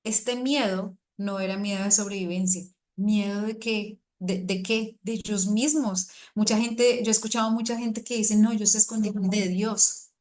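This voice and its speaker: A middle-aged woman, preaching a sermon to a women's group with lively, animated emphasis. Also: mid-range voice, normal speed, hardly any pauses. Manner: lively, rising to animated emphasis when acting out quotes.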